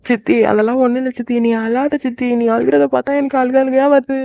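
A warm-hearted young married sister in a cartoon, acted by a woman talks at a very rapid clip in a mid-pitched voice. She fusses over everyone and is quick to tear up. The sound is dry and lo-fi. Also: fairly even intonation, no echo, close to an everyday voice. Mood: tearful. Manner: rapid, caring, cries easily. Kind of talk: cartoon voice acting. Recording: dry, dull lo-fi recording.

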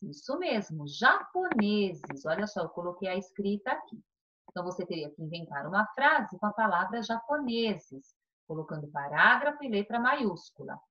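A young Brazilian woman teaches an online class in a lively, sing-song voice that swoops up and down. She draws out each key word as she walks through the answers. The recording is dull and lo-fi. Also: medium pitch, moderate pace. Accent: Brazilian Portuguese. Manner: cheerful, sing-song, stretches key words.

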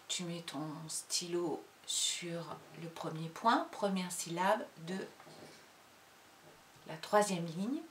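A woman teacher giving a slow dictation to young pupils, calling out each syllable loudly and patiently. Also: lowish voice, reverberant, distant mic, slight background noise. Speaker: primary school teacher.

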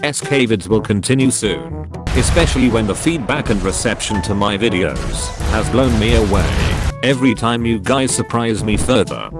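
A synthetic male text-to-speech voice reading a YouTuber's channel update in a flat, evenly paced computer manner. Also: on the low side, moderate pace, over loud music.

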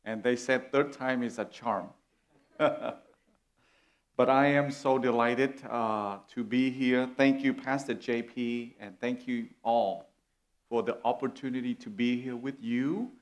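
Guy preaching in church, slow and earnest, middle-aged. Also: mid-range voice, steady tone. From Vietnam. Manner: earnest, warm, gesturing as he preaches. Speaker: guest preacher. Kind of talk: sermon. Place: church stage indoors.

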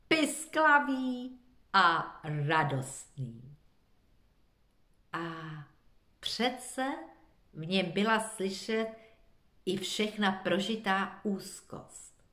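A woman teacher reading a children's storybook aloud with expressive, lively narration, in an echoey room. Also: medium pitch.

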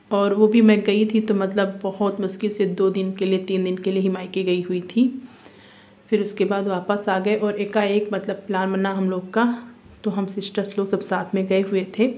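A young woman with a Uttar Pradesh Hindi accent talks through her vlog in a loose, chatty way, leaning on filler words. Her voice is mellow and warm, sitting in a middle pitch. She keeps an even, flat tone with little rise and fall. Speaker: vlogger. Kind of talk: casual vlog narration.

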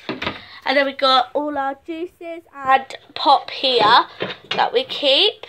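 A vlogger with a high-pitched voice gives a casual house tour, chatting and listing things as she moves between rooms. She records on a handheld phone camera indoors, with background noise.

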